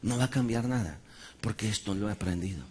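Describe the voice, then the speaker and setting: A man's voice: fairly low pitch, quick pace, a little mellow, slightly rough. A man preaching a sermon, emphatic and dramatizing Bible stories.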